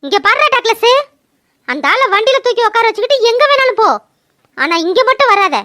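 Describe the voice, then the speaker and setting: A woman voicing a young wife in a cartoon, bitter and sharp-tongued about her drunkard husband. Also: very high voice, lively intonation, brisk, heavily acted. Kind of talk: cartoon voice acting.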